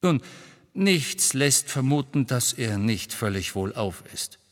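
A man reading an audiobook, voicing a restless grown man in hiding who reassures briskly with a bitter edge. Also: medium pitch, sing-song, big-room sound, pitched above the performer's own voice. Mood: tense, bitter.

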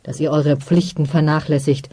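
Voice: medium pitch, level tone, normal speed, natural voice. Ein Vorleser, der in einer Hörbuchlesung einen verbitterten, sturen Haarteppichknüpfer spricht, der wütend schreit und giftet. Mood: zornig. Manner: shouting, snapping. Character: bitter old hair-carpet knotter, stubborn, furious. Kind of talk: audiobook character voice.

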